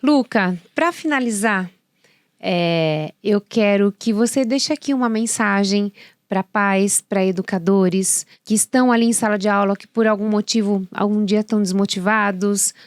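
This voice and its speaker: A woman's voice: medium pitch, normal speed, dry recording. Encouraging woman hosting a podcast. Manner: affirming, encouraging. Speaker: podcast host. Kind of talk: interview and podcast sign-off.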